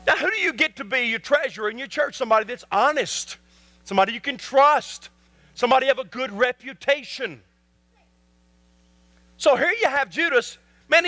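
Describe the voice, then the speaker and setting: A male pastor preaching a sermon with emphasis, repeating rhetorical questions and swinging from soft asides to loud peaks. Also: very high voice, no echo.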